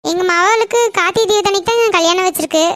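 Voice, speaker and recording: Courteous cartoon matron, groom's mother, high and brisk, a woman voicing her. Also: fairly bright tone. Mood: polite. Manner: polite, courteous. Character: polite, cheerful mother of the groom.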